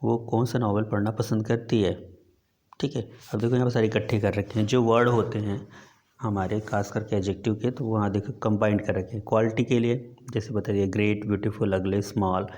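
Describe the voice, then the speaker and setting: A man with an Indian accent teaching a grammar lesson with a sore throat. He reads English example sentences slowly, then explains them in Hindi with frequent fillers. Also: on the low side, darkish tone.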